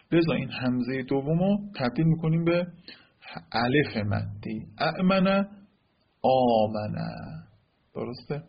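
A man's voice: medium pitch, husky, lo-fi sound. A man teaching an Arabic grammar lesson, explaining step by step and often checking with "right?".

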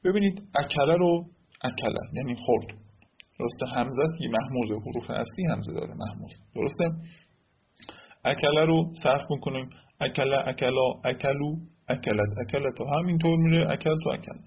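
A man's voice: medium pitch, highs cut off, a little hiss or hum. A man teaching an Arabic grammar lesson, explaining step by step and often checking with "right?".

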